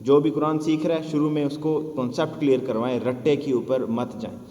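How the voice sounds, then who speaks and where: A man leads a teacher-training lesson, explaining rules patiently and chanting stretched-out syllables to show them. His mid-pitched voice rings in a reverberant room with a long echo. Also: steady tone, warm tone. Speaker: Quran teacher training instructor. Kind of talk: teaching lesson, demonstrating recitation.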